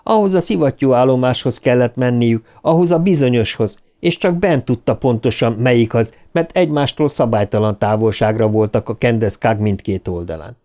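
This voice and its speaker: A man reading an audiobook aloud in an expressive, dramatic narration style. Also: mid-range voice, few pauses.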